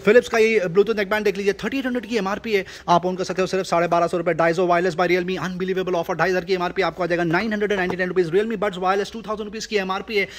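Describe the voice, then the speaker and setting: A man with an Indian accent delivering an overeager teleshopping sales pitch, rattling off deals and prices with repetitive hype. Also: steady tone, quick pace, few pauses. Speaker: shop presenter selling discounted gadgets.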